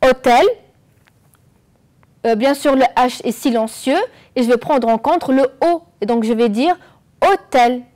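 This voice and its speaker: A woman teaching French on an educational channel, explaining slowly and clearly and asking the viewers questions. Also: fairly high pitch, warm tone. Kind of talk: televised classroom lesson.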